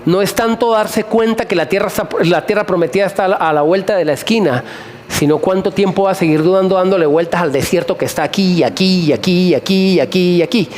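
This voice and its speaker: High-voiced preacher, animated and repetitive. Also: male voice, fast talker, a little hiss or hum. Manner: animated, repeating phrases and asking the congregation questions. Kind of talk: sermon. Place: church hall before a congregation.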